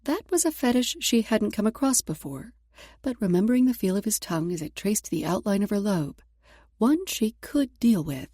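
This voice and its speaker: A woman's voice: mid-range voice, sing-song, normal speed, dark tone, breathy edge, dry recording, clean studio sound. A woman narrating romance fiction from a script in a sultry, intimate storytelling manner. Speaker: audiobook narrator.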